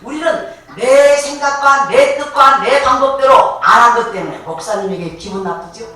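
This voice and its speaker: A woman pastor preaching a sermon in a lively, animated way, laughing often and acting out biblical voices. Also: high-pitched, moderate pace. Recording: echoey hall, voice from far off, faint noise.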